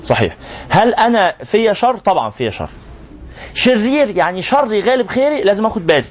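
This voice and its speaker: High-pitched and quick, with big swings in pitch, an Egyptian sheikh delivers a religious lesson to a room full of students. He keeps throwing rhetorical questions at them in Egyptian Arabic, captured on a muffled, low-fidelity recording.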